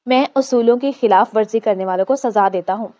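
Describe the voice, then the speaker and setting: A woman's voice: a little high, mellow, dry recording, dull audio, lightly acted. Buraq, a woman reading a cold vengeful man. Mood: menacing. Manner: cold, contemptuous and threatening. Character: cold vengeful young man, about thirty, cruel.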